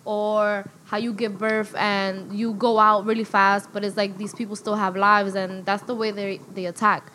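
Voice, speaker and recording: A woman's voice: mid-range voice, little pitch movement, bright, forceful tone, slight background noise. A woman co-hosting a casual podcast, chatty and slangy. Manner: chatty, slangy, quick to laugh. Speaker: podcast co-host. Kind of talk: casual chat.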